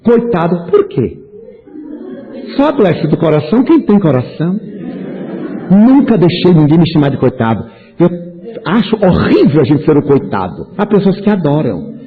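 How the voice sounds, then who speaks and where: Animated older man lecturing, tinny sound. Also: fairly high pitch, moderate pace. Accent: Brazilian Portuguese. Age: 70s. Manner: animated, humorous storyteller acting out dialogues. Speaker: spiritist lecturer. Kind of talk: lecture to an audience.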